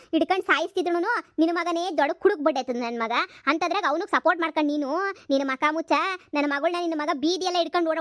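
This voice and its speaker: A woman's voice: very high voice, no room sound, studio quality. A woman voicing a furious village mother. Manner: shouting accusations, rapid scolding. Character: angry village mother, loud and combative. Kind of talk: cartoon comedy voice acting.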